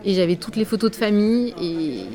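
A woman's voice: medium pitch, expressive, fairly quick. A French woman artist talking about her work in a casual conversation, hesitant, with many fillers. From France. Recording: crowd chatter behind.

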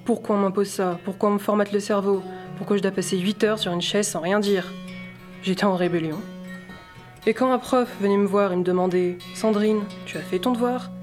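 A woman's voice: medium pitch, steady tone, fairly quick, a little mellow. Frank woman telling her school story. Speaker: former student. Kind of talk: personal testimony. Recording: guitar music underneath.

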